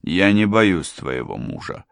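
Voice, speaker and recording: A scheming impostor preacher who talks down to everyone with cold insolence, voiced by a male reader. The voice is deep, slow and gravelly, recorded close and dry. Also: sing-song, fairly bright tone, no room sound, full character voice. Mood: contemptuous.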